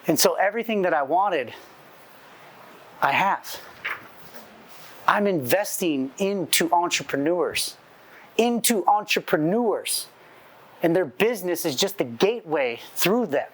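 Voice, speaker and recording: A man's voice: sits high, expressive, unhurried, pauses often, a little hiss or hum. A man in his forties giving a profane, intense motivational talk as an entrepreneur speaker, telling his story through acted-out dialogue. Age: 40s.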